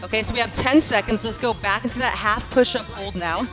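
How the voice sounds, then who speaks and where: A woman's voice: a little high, a little fast, over music. A woman coaching a workout like an aerobics instructor, cueing moves and counting in a casual, encouraging, urging way. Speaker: fitness instructor leading a home workout class.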